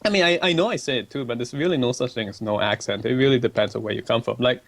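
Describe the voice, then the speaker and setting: This fast-talking young Malaysian has a mid-range voice and no echo around it. He's hosting a casual livestream, reading viewer questions aloud at a desk mic and rambling chattily as he responds.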